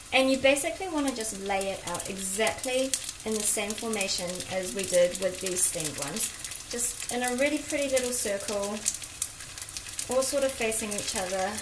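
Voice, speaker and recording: Animated and medium-pitched, a woman with a broad New Zealand accent speaks at normal speed, chatting casually as she hosts her cooking livestream and greets viewers. Her phone sits a little away in the home kitchen, so the recording is echoey, with clear sounds of a sizzling pan, stirring and general kitchen noise.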